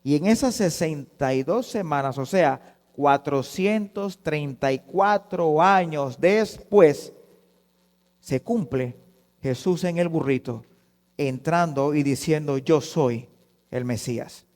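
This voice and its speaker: A man with a Panamanian Spanish accent, preaching a fervent sermon as pastor, dropping to a hush and then rising to loud calls. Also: a little high, slow pace. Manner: fervent preaching, swinging between hushed and loud. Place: church. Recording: long church reverb.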